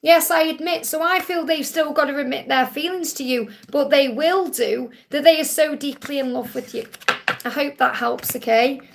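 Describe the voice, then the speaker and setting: A spiritual reader in her 40s hosts a live Q&A stream, speaking directly to viewers in a high, light, gravelly voice at normal speed. She reads their messages aloud and replies with gentle, reassuring readings, slipping into a sing-song lilt on the affirmations.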